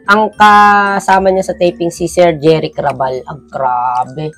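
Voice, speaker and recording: Low-voiced woman talking to viewers. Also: slow, faint music behind. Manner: animated, speaks directly to viewers. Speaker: vlogger co-host. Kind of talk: casual vlog chat to viewers.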